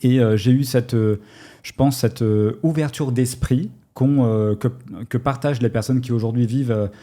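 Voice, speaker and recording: A man from France, a guest entrepreneur talking casually in an interview, often pausing with fillers and restarting his sentences. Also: mid-range voice, mellow. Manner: hesitant, many fillers and restarts.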